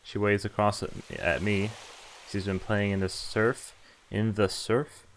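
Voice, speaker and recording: A man with a fairly low, steady voice streams a visual novel, reading a little slowly and often stumbling and correcting himself between casual comments to chat. Game music plays behind him, and the poor audio carries a little hiss or hum.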